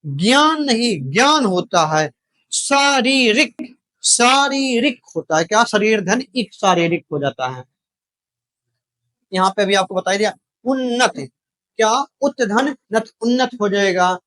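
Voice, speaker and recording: A man's voice: sits high, animated, unhurried, a bit bright. A man teaching spellings for an exam, drilling each word with questions and repeated answers, addressing viewers directly. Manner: keeps asking rhetorical questions and repeating the answers; addresses viewers directly, calls them brother. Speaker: Hindi exam-prep teacher. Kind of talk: spoken lesson, drilling spellings.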